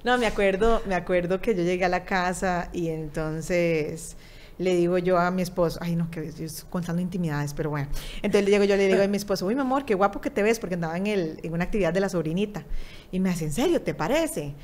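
A woman's voice: lowish voice, fairly even intonation, quick pace, a little mellow. A woman in her thirties with a Costa Rican accent, a guest in an interview, telling a personal story and acting out the dialogue in it. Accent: Costa Rican Spanish. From Costa Rica.

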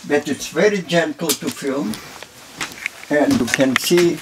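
A man in his nineties from Lithuania with a Lithuanian accent, telling his life story haltingly with many restarts, seated in a cluttered workshop. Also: fairly high pitch, background noise. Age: 90s. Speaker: filmmaker recounting his life. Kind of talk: reflective storytelling. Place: cluttered workshop indoors, small room.

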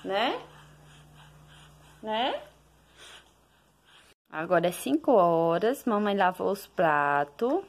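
A young Brazilian mother talks to the camera at home in an easy, chatty way. Her voice sits at a middle pitch, and she speaks softly with a Brazilian Portuguese accent. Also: big pitch swings, extremely slow, long pauses. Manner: soft, chatty, fond of diminutives. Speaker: mother vlogger. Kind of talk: casual home vlog chat. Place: home, in the kitchen.

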